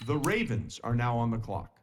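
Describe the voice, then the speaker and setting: A man voicing a draft announcer in a football video game, making formulaic, measured calls in a formal style. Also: medium pitch, very animated, background noise, natural voice. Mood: formal announcing.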